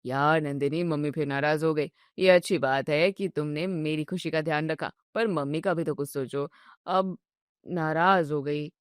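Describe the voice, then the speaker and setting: A woman's voice: deep voice, steady tone, normal speed, clear, resonant tone, no room sound, studio quality, pitched below the performer's own voice, lightly acted. A woman voicing a sulky young husband who whines and complains in a storybook tale. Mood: fretful. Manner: whiny, complaining. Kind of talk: storybook narration.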